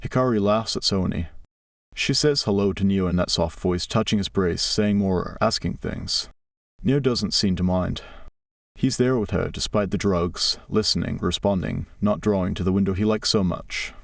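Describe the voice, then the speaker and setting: Gravelly deep-voiced male audiobook narrator. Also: normal speed, no room sound, clean studio sound, recorded from a distance. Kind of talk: first-person audiobook narration.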